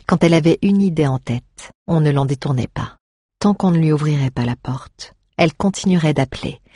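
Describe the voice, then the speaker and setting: A narrator telling a fantasy story in a measured, gently emotive way. The voice sits at a middle pitch and sounds slightly husky. The recording is dry and close. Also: dry recording. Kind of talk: scripted audiobook narration.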